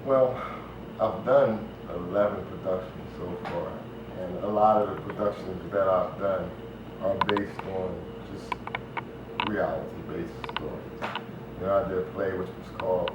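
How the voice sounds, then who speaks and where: Appearing as an interview guest, a man who writes and produces stage plays rambles conversationally and keeps saying "you know." His deep voice is fairly even and a little slow, captured distant and dull in a very echoey, noisy room.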